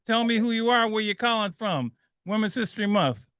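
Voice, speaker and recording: A man hosts a call-in radio show with energy, repeating himself and laughing easily. His voice sits high and sounds bright and ringing. The studio sound is close and dry. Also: expressive, fairly quick, clear, resonant tone, no echo. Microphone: studio microphone.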